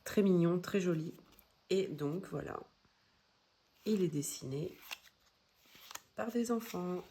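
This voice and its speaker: A woman with a low, mellow voice speaks slowly and gently. She shows off her new card decks in a relaxed, unhurried way, with many small pauses and fillers. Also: a little hiss or hum. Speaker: tarot deck vlogger. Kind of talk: casual show-and-tell.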